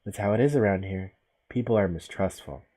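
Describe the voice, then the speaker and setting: An odd, solitary young woman from a visual novel, as a man reads her. She speaks in a flat, deadpan way with no emotion, in a husky voice. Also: lowish voice, fairly quick, close to an everyday voice. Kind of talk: visual novel character read aloud.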